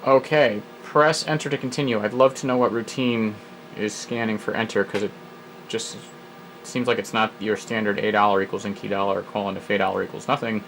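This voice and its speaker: Here a man with a lowish, creaky, fairly bright voice moves briskly with little pitch movement. He's a retro computer enthusiast hosting a casual software walkthrough, reading old prompts aloud and slipping in wry comments. The recording is rough, with slight background noise.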